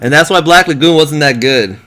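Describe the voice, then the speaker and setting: A man's voice: fairly high pitch, fairly quick, sharp tone. A man ranting in casual, profane, exasperated talk to his live-stream viewers, telling a story with lots of animation.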